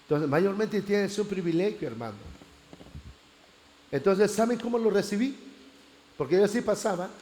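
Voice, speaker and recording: A man preaching a church class, telling his story with lively acted-out prayers. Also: high-pitched, normal speed, long pauses, slight background noise. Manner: animated storytelling, acting out prayers.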